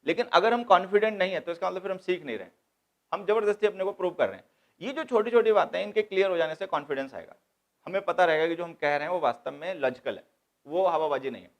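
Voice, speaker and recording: A man teaching grammar in a slightly high voice. He breaks each rule down patiently and circles back to the main points. He lectures in the tone of a classroom. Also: lively intonation, quick pace. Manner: explains step by step, repeats key points, mixes English terms into Hindi.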